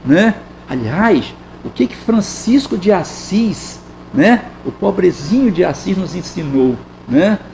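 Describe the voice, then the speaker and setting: A man's voice: sits high, gravelly, a little mellow, a little hiss or hum, low-quality recording. A man with a Brazilian accent giving a public talk at a spiritist center, conversational and full of rhetorical questions. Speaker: spiritist lecturer.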